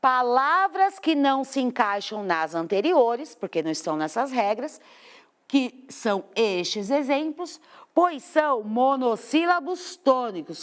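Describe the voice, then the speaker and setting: A Brazilian woman with a slightly high voice leads a children's lesson from a studio. She talks slowly and with lots of melody, pausing to stretch out the stressed words. Her tone stays patient and explanatory throughout. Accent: Brazilian Portuguese. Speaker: teacher.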